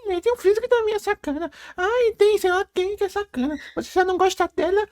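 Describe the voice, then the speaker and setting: A man putting on a mocking, whiny caricature of an online arguer, shrill and sing-song. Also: quick pace, a little mellow.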